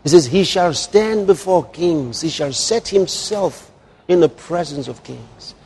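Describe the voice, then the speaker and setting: A male pastor preaching a sermon, moving from hushed, drawn-out lines to loud exclamations. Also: high-pitched, husky. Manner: dramatic, swings from hushed to exclaiming. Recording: long hall reverb.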